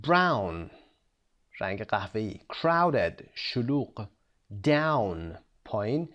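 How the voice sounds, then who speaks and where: Man teaching English with a Persian accent. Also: mid-range voice. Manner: alternates fast explanations with slow, drawn-out model sentences. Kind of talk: recorded textbook lesson.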